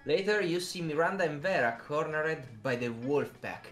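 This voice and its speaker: A man who is not a native English speaker, reading a dating game aloud as a streamer, with halting, self-correcting explanations. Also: a little high, lively intonation, a bit bright, soft background music.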